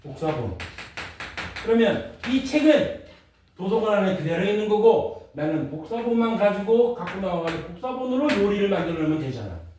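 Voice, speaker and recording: Guy teacher explaining like ur a little kid, super lively up and down voice, roomy echo, mic kinda far. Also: high-pitched, fast, few pauses. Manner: explains very simply in easy story-like steps, as if to a child; repeats key points, checks for understanding with short questions. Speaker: science teacher. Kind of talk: classroom lecture. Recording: echoey room, distant mic, faint noise.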